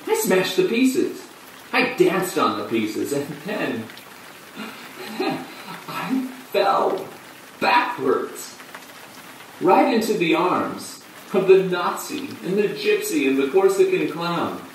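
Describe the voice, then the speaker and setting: An actor playing a flamboyant man who tells his story in a halting, breathless theatrical monologue. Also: a little high, sing-song. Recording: echoey room, distant mic, faint hum.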